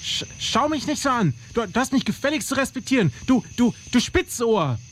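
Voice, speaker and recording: An actor playing a flustered, devout soldier in an audio drama, stammering and breathless with fright. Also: male voice, very high voice, sing-song, normal speed, fairly bright tone, slight background noise, heavily acted. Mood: flustered panic. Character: flustered, devout young-sounding soldier, bumbling and easily frightened.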